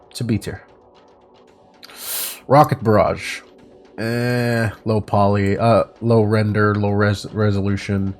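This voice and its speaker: Male gamer, low voice, sick, loose rambling commentary, home desk mic, faint music behind. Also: a little mellow. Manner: rambling, casual, offhand verdicts with frequent fillers. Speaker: gaming video creator ranking icons. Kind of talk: unscripted tier-list commentary. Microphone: desk mic with headphones on.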